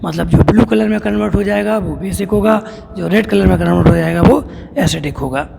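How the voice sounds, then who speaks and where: A man teaching a school science lesson, explaining step by step and reading lines slowly. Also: high-pitched. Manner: explains step by step, reads English lines slowly, then restates them. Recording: echoey room with clear noise.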